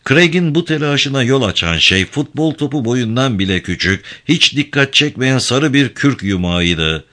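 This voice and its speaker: A man reading a novel aloud in a dramatic, measured audiobook narration. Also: medium pitch, animated, pushed and bright.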